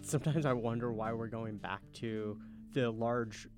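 A man co-hosting a podcast, adding relaxed, chatty asides. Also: mid-range voice, unhurried, over loud music. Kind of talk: casual chat.

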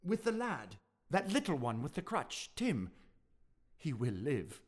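A man's voice: a little high, wildly swooping pitch, measured pace, faint music behind, full character voice. An actor playing Scrooge, a miserly old man, in a radio play, muttering asides and pleading with a spirit. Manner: grumbling asides.

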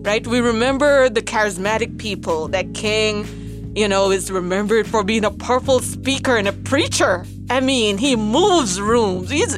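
Woman lecturer with a Jamaican accent. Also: mid-range voice. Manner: explanatory, checks in with "right?" and "you know". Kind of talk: conversational educational lecture.

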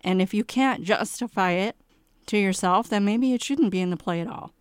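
A woman's voice: mid-range voice, moderate pace, clean tone, no echo, studio quality. A woman playwright being interviewed about her work, speaking candidly with a self-deprecating, wry humor. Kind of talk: interview conversation.

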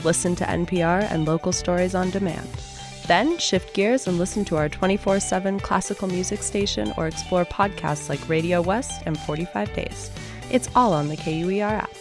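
A woman announcer reading a station promo from a script, smooth and upbeat. Her voice sits a little low. Clear guitar music plays under her. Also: moderate pace.

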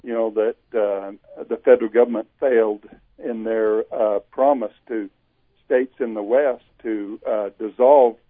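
A man's voice: on the low side, fairly even intonation, measured pace, no room sound. Give me a man on a tinny call line. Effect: heard over a remote call line that breaks up. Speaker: county commissioner. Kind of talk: remote interview guest.

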